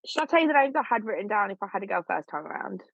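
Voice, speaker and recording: A woman's voice: mid-range voice, big pitch swings, rapid-fire, vocal fry, no echo. A woman co-hosting a podcast, chatting casually with a candid, jokey and blunt manner. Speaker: podcast co-host. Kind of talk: casual chat. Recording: slightly dull, dry recording.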